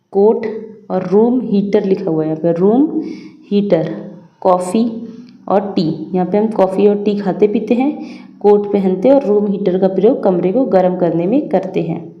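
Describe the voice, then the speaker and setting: Woman teacher explaining a lesson, patient, self-questioning; very dark, mellow tone in an echoey room. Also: medium pitch. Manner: patient, asks and answers her own questions. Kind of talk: explaining a school English lesson. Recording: roomy echo.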